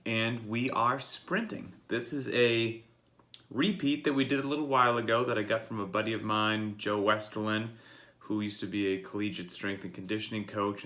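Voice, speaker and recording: A man with a cold explains the day's workout to his members, sounding congested. His voice is on the low side, pushed and bright. He speaks plainly and directly to the listener in this daily workout briefing.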